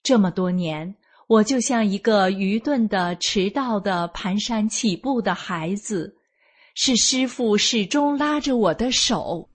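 Slow, breathy woman in her forties. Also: mid-range voice, lively intonation. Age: 40s. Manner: earnest, measured reading. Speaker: narrator of a personal account. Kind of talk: scripted first-person narration.

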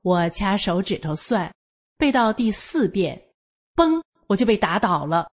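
A woman's voice: medium pitch, very animated, measured pace, slightly rough. An older woman from Northeast China with a Northeastern Mandarin accent, telling a personal story in a homely, matter-of-fact way. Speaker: storyteller sharing a personal account.

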